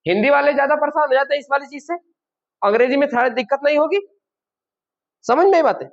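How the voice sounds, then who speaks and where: A man with a fast, high-pitched voice teaches grammar in a classroom lesson, repeatedly asking his students questions and then answering them himself. The recording is dull and low-fidelity.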